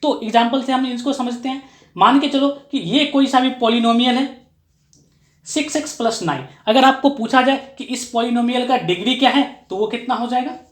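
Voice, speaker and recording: A woman's voice: on the high side, moderate pace. Woman teaching maths in an echoey room. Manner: keeps asking and answering her own questions; repeats key phrases for emphasis. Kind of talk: explanatory classroom lesson.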